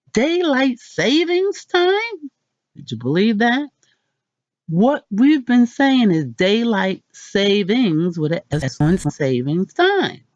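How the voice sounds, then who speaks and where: A woman hosting a casual pronunciation lesson, chatty and self-deprecating, repeating words slowly. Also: mid-range voice, a little mellow, no room sound, muffled recording. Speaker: channel host.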